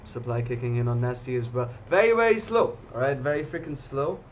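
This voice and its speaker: Casting note: a male trading host, casual and chatty, mid-pitched, talking to viewers, slightly dull lo-fi audio. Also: steady tone, fast, darkish tone, slight background noise. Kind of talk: live market commentary.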